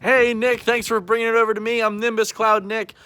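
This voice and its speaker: A man's voice: high voice, flat delivery, fairly quick, pushed and bright, clean tone, no room sound, pitched above the performer's own voice. A man putting on an upbeat, goofy TV weatherman who reads a cheerful forecast in chipper patter. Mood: cheery. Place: bedroom.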